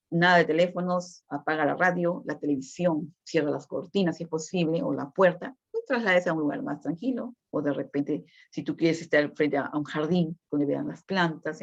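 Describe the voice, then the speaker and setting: A woman teaching a nursing class in a conversational lecture style, often checking in with her students through short tag questions. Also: low-pitched. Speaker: nursing instructor. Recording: dull lo-fi recording.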